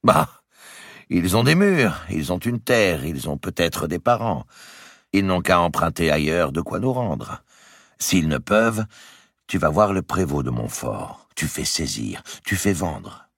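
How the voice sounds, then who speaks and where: A man voicing a shrewd, calculating old male banker in an audiobook, measured and wheedling. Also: low voice, very animated, a bit bright, slightly rough, no room sound, studio quality, voice pushed up, full character voice. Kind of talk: audiobook character reading.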